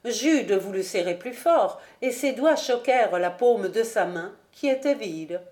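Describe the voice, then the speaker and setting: A woman's voice: mid-range voice, expressive, a little slow, a little mellow. Woman reading a classic novel aloud. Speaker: audiobook reader.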